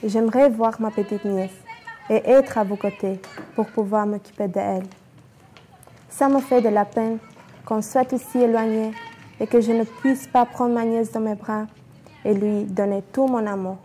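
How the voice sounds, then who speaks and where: A woman's voice: on the high side, steady tone, a little slow, dark tone. A teenage girl from North Macedonia carefully reading a letter aloud in a studio. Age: teens.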